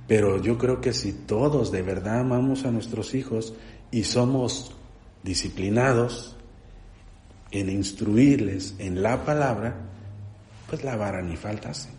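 A middle-aged man preaches in a church with a low, mellow voice. He exhorts the congregation earnestly and in a fatherly way, pausing often, and his voice rings with roomy echo. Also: a little hiss or hum. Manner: earnest, fatherly, with frequent pauses and fillers. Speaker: church speaker. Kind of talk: sermon exhortation closing in prayer.

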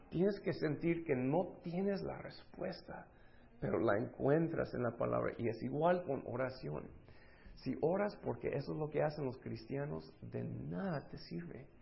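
A man preaching a sermon, acting out the voices of the people in his story and moving between loud and hushed delivery. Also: fairly high pitch, measured pace, vocal fry, lo-fi sound.

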